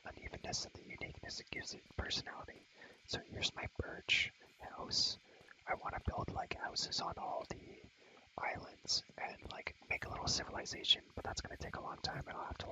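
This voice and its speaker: A young man whispers breathily in ASMR style, rambling casually in slang while he shows off a game world and softly repeats his phrases. He talks at normal speed, and the audio quality is poor.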